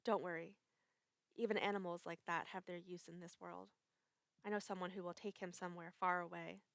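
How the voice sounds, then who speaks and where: A woman's voice: lowish voice, little pitch movement, brisk, creaky, fairly bright tone, no echo, studio quality. A woman voicing a young man who speaks ominously, cold and secretive. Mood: dismissive.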